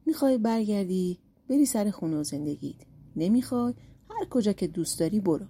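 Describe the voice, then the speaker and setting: A woman voicing a sly, glib bald young man who tricks people, read in a storybook with a dark, husky voice. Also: medium pitch, lively intonation. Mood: scheming. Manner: cheeky, glib, scheming. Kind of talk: storybook narration.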